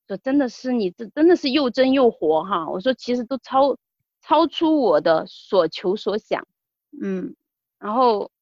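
Earnest woman giving halting testimony. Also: medium pitch, vocal fry, a little mellow, no echo, highs cut off. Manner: earnest, halting with repeated restarts. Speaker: testimony giver. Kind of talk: personal testimony.

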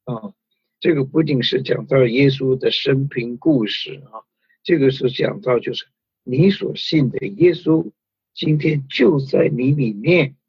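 A man's voice: mid-range voice, unhurried, breathy edge, no echo. A man preaching a conversational sermon, full of fillers and tag particles. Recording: dull lo-fi recording.

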